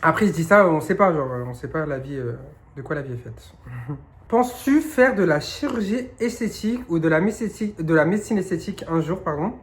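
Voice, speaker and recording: A young man with a slightly high voice answers viewer questions in a relaxed vlog. He talks frankly and loosely, with lots of slang and fillers. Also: a little fast. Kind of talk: casual Q&A vlog. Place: indoors, sitting on his knees.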